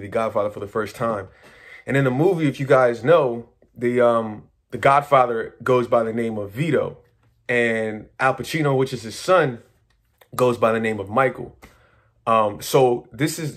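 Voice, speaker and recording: Excitable man telling a rambling story. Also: mid-range voice. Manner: excitable, rambling, with many fillers and restarts; casual slang and swearing. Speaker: manifestation coach. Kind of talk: casual storytelling monologue.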